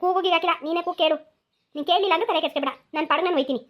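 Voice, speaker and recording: A scheming cartoon village mother-in-law, as a woman voices her, nagging and repeating herself in a rural Mysore-region accent. She speaks high and rapid-fire. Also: lo-fi sound. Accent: rural Mysore-region Kannada. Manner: nagging, insistent, repetitive.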